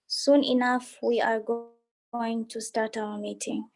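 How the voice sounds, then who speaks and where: A woman's voice: a little high, level tone, measured pace, gravelly, soft background music. A woman from Tanzania, hosting an online meeting and welcoming people as they join the video call. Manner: reads out participants' chat greetings.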